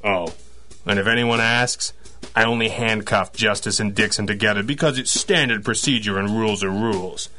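An actor playing a gruff, sardonic police lieutenant in old-time radio style, a wry, hard-boiled 1930s beat cop full of slang. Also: male voice, on the low side, moderate pace, sharp tone, soft background music. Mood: wry narration. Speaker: police homicide lieutenant in a detective radio drama.

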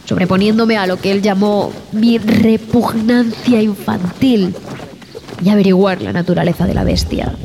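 An actress voices a frightened, repulsed expedition zoologist, narrating a horror audio drama deliberately and theatrically with dramatic pauses. Her female voice is natural, medium in pitch, and darkish in tone. Music plays behind a long reverb.

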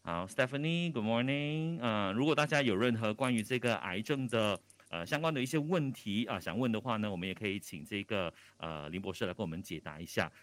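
A man's voice: lowish voice, expressive, brisk, few pauses, a bit bright. A man with a Malaysian Chinese accent hosting a live radio chat, casual and a bit hesitant in his phrasing as he switches between languages. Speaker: radio host.

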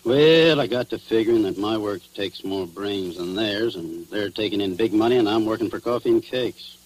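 In a noisy, humming 1940s-style radio drama recording, an actor plays a cynical, crooked cop confessing to murder in slangy tough-guy talk. His voice is on the low side at normal speed, close to everyday speech, and the mood is rueful.

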